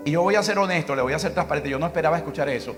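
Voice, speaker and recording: A middle-aged Venezuelan pastor with a Venezuelan Spanish accent preaches and tells a personal story, acting out bits of dialogue in which he quotes his wife. His voice is a little high and his delivery rapid-fire. Music plays in the background.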